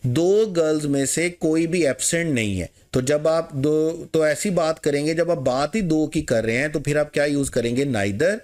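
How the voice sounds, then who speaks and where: A man's voice: a little high, moderate pace, few pauses, darkish tone. Male tutor, slightly raised voice, quizzes the class then answers himself. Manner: asks the class rhetorical questions and answers them himself; mixes English terms into Urdu. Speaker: teacher. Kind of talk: exam-prep lecture.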